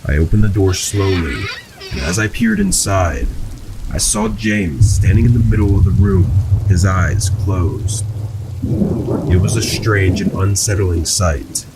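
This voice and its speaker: A man with a very low, deep voice reads a first-person horror story in a calm, even, scripted way. Soft rain patters faintly behind him. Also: slight background noise, low-quality recording. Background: rain sounds.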